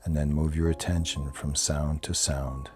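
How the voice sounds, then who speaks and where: Soft plucked guitar accompanies a very deep-voiced man guiding a yoga nidra meditation. His pace is slow and unhurried and his pitch stays fairly flat. He comes across as a calm, soothing relaxation instructor with a measured delivery.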